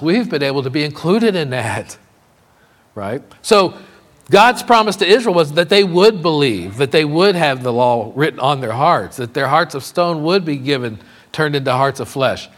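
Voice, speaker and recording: Guy teaching a bible study, casual, keeps asking okay? right?, reads verses slowly. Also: fairly high pitch, animated. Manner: conversational, checks in with "okay?" and "right?"; frequent fillers and restarts, slows to read scripture.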